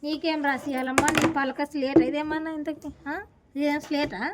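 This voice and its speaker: High-voiced mother coaxing her child. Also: flat delivery, normal speed, heavy background noise. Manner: coaxing and scolding, questioning her daughter. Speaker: mother and vlogger. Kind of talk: casual home talk with her child.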